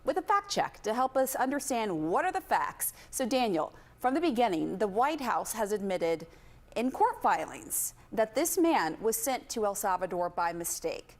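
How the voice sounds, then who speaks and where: A woman anchoring a news program, introducing a reporter and steering the segment with crisp questions. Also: mid-range voice, sing-song, moderate pace.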